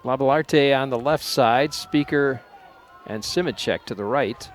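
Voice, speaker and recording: A man calling a college football game play by play in a relaxed, unpolished way, sometimes unsure of player names. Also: medium pitch, a little slow. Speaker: play-by-play announcer. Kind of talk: local college football commentary.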